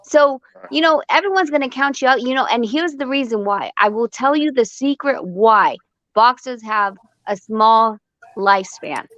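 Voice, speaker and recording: A woman's voice: on the high side, lively intonation, normal speed, a bit bright, no room sound. A woman who trains boxers, telling blunt, profane stories during a casual panel chat, with a muffled, dry sound. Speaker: boxing trainer.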